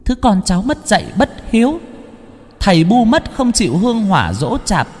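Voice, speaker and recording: A man's voice: sits high, huge pitch swings, normal speed, slightly rough, in a large hall, voice pushed up, heavily acted. A man voicing a stern teenage girl ancestor spirit who harshly scolds an unfilial descendant in an audio story. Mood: scolding.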